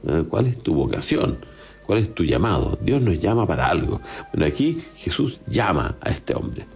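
Chilean man with a deep, lively voice. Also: normal speed, soft background music. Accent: Chilean Spanish. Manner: conversational, often adds tag questions. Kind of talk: homily on a gospel passage.

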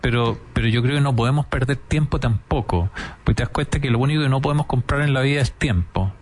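A man's voice: mid-range voice, fast talker. A man with a Chilean accent hosting a conversational interview, talking in an enthusiastic, emphatic, rambling way.

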